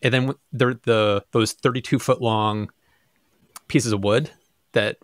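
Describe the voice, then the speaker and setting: A man in his forties co-hosting a podcast, recounting things with enthusiasm and easy laughter into a boom mic. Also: fairly even intonation, measured pace, no echo, studio quality. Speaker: podcast co-host, YouTube creator. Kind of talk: casual chat. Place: room with teal backdrop. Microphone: boom mic on arm.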